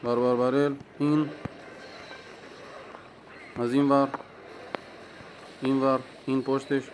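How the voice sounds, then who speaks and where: A man giving live commentary on his own mobile game match, talking to himself and his opponent, with sudden excited outbursts. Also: mid-range voice, a little hiss or hum, poor audio. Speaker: gaming streamer.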